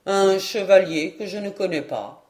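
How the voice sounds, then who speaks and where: A proud knight of old romance, courtly and boastful in his speech, as a woman reader voices him. The voice stays close to the reader's own, in a mid pitch. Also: unhurried, a little mellow, lightly acted.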